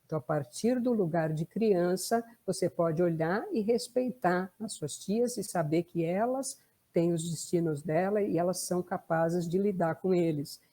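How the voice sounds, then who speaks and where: In a warm voice on the low side, at a moderate pace, a woman explains a case. She has a Brazilian Portuguese accent, works as a family constellation therapist, and keeps it conversational with frequent tag questions.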